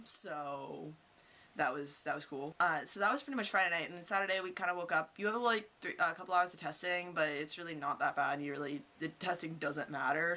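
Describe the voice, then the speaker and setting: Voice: medium pitch, sharp tone. A teenage vlogger from Kentucky telling rambling stories to camera in a casual, chatty way. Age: teens. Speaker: vlogger, high school student.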